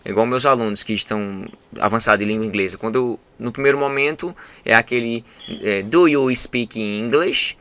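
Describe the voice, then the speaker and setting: Brazilian male host, English teacher, bright voice, animated. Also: fairly low pitch, fast talker, smooth. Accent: Brazilian Portuguese. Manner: animated, acts out his students' voices. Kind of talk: casual interview chat.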